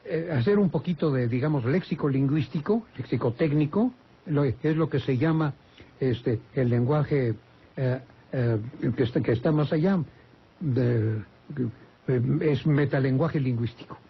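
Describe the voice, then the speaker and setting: An older man with a Mexican Spanish accent, a language expert answering listener questions on a radio call-in show, speaking slowly with many hesitations and self-corrections. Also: medium pitch, breathy edge. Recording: dull lo-fi radio broadcast.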